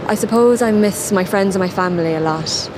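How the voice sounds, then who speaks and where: A woman answering a street interview in a relaxed, conversational way. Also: mid-range voice, brisk. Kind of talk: vox-pop interview. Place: outdoors on a city street. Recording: outdoor traffic noise. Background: traffic and cars.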